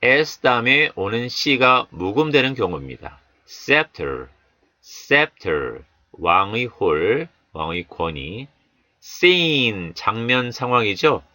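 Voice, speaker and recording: A man teaching English pronunciation of Bible verses, stretching out model words slowly and explaining calmly. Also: medium pitch, dry recording.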